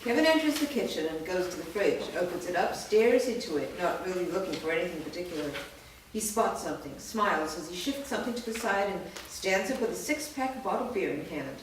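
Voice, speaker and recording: A woman reads a screenplay's scene directions aloud, steady and matter-of-fact, in a staged reading. Her voice is on the low side, animated and fairly quick, with a little hiss or hum. She sounds far off in an echoey room.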